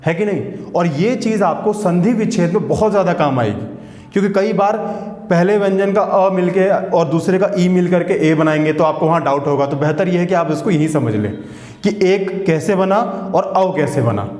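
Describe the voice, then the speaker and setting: A male teacher giving a classroom lesson, sounding out each vowel slowly and often checking in with his students. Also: high voice, darkish tone. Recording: echoey room with long reverb.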